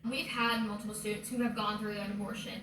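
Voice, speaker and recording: A twenty-year-old woman student speaking calmly and composedly in a news interview. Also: mid-range voice, fast talker, recorded from a distance, background noise. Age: 20s. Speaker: university student. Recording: roomy sound from off mic.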